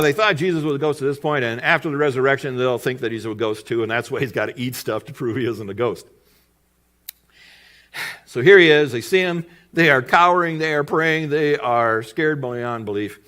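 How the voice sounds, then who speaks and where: Lively, bright-voiced male pastor. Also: medium pitch. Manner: lively storytelling, acting out voices in quoted lines. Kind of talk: sermon. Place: church.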